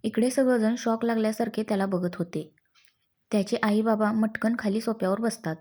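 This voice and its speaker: A woman's voice: on the high side, fairly even intonation, normal speed, mellow. A woman narrating a dramatic family story, reading each character's lines in her own voice. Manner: reads every character's dialogue herself without changing voice.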